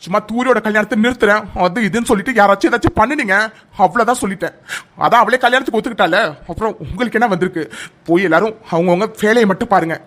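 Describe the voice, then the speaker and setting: A man's voice: high-pitched, very fast, a bit bright. A man voicing a curt, arrogant young man. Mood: cold, dismissive. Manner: curt, lecturing, cold. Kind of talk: cartoon voice acting.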